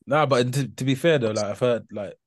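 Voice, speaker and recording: A young man with a London roadman accent chatting casually about football in slangy, halting phrases full of asides. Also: mid-range voice, dry recording, studio quality. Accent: London, urban slang. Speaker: football podcast co-host.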